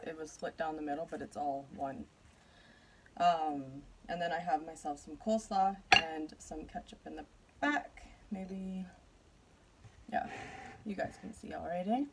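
A woman's voice: low-pitched, noisy background. A woman from Canada hosting a casual eating vlog at home, chatty and nervous, laughing between bites. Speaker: mukbang YouTuber.

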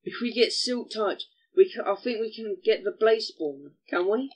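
A man giving chatty gameplay commentary as host of a gaming channel, excitable and given to mild cursing. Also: sits high, normal speed, rough recording.

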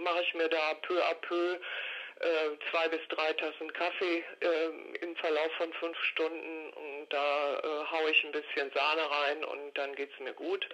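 An older woman gives a reflective phone interview, hesitant, detailed and matter-of-fact. Her voice sits low but comes across bright and forceful through a dull, lo-fi telephone line.

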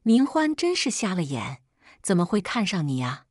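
A woman's voice: lowish voice, very animated, normal speed, no room sound, clean studio sound. A woman voicing a furious, cold widowed man confronting his in-laws, in a storybook reading. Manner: angry, stern. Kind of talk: storybook narration.

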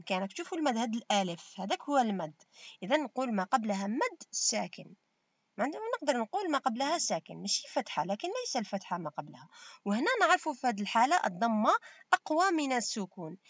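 Speaking with an Algerian Arabic accent, this woman is a primary school teacher running a step-by-step revision lesson in which she asks her own questions and then answers them. Her pitch is a little high, and there's no room sound.

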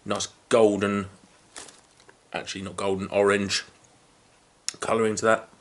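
A thirty-something British man does a casual food review to camera indoors in his small living room, talking between bites of crunching chips without a script. His lowish voice moves little in pitch and keeps a measured pace. The camera is a short way in front, and crinkling packets and background noise are clearly audible.

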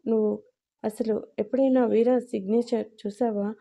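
A protective, shrewd male friend in a storybook tale, voiced by a woman narrator. He asks firm, probing questions in a dark, mellow voice with little rise and fall. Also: fairly high pitch, fairly even intonation, normal speed, vocal fry.

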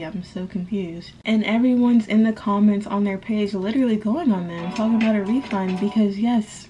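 Young woman just venting to the camera at home, normal pitch, super casual. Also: darkish tone, slight background noise, poor audio. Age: young adult. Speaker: vlogger. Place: bedroom at home. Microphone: camera at arm's length.

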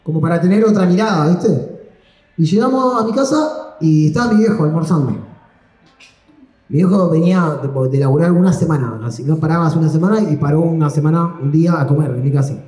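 A man's voice: a little high, fairly quick, dark tone. A young man with an Argentine accent telling a rambling, slangy, self-deprecating story onstage as a stand-up comedian. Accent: Argentine Spanish. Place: comedy stage. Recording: echoey live room.

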